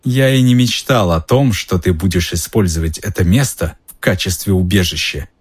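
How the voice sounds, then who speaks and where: A venomous, sneering male schoolmaster, put on by a man narrating a story. He hisses his threats in a husky, lowish voice. He bursts into shouting when he is crossed. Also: normal speed.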